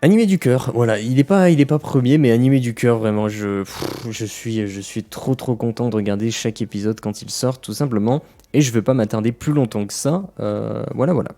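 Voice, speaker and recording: A man's voice: mid-range voice, fairly quick, few pauses, mellow. A man giving a casual, rambling spoken review of anime, talking straight to his viewers with lots of fillers and restarts. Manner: addresses viewers directly.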